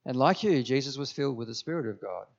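A man's voice: mid-range voice, animated, quick pace, gravelly, highs cut off. A man preaching a sermon to a congregation in church, emphatic and often asking the listeners questions. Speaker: pastor.

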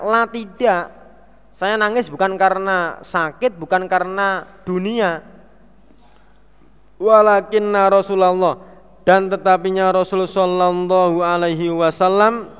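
A man with a Javanese accent reads a classical religious text aloud and translates it phrase by phrase, dropping in playful asides. His voice sits a little high and sounds smooth and resonant, and he takes his time. It rings with the long reverb of a large hall. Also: fairly bright tone. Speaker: religious teacher.

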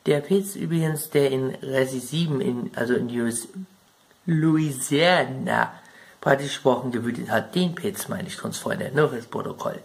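A man's voice: fairly high pitch, gravelly. Chatty German man rambling to viewers. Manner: chatty, rambling, keeps addressing viewers as "Kunstfreunde". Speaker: gaming video creator. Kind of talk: casual commentary on game plot points.

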